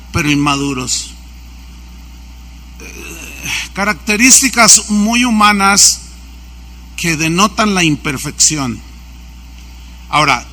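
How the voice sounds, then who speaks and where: A man's voice: sits high, pushed and bright. A man preaching a sermon as pastor. He asks the congregation questions and acts out anecdotes. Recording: church service recording.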